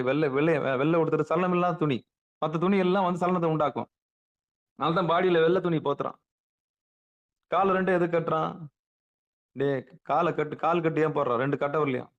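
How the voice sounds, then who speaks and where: A man giving a colloquial spiritual talk, asking rhetorical questions, answering them himself and repeating words for stress. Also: on the high side. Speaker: spiritual teacher. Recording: dull lo-fi recording.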